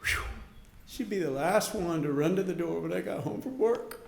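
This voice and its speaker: A man's voice: sits high, fairly quick, vocal fry, a little mellow. Echoey middle-aged man giving an emotional wedding toast. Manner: emotional, holding back tears. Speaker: father of the bride giving a speech. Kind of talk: wedding toast, heartfelt prepared speech. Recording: echoey room.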